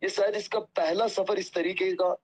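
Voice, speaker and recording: Heard through a muffled call recording, this man speaks as a cleric of Islam in a pious, earnest, apologetic way, sprinkling in religious phrases. His voice sits high, and he talks at normal speed with fairly even intonation.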